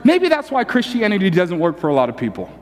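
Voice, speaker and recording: A man preaching a sermon as a pastor, telling a funny story and rising to loud fervor. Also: high-pitched, huge pitch swings, fast talker. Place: church. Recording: long hall reverb.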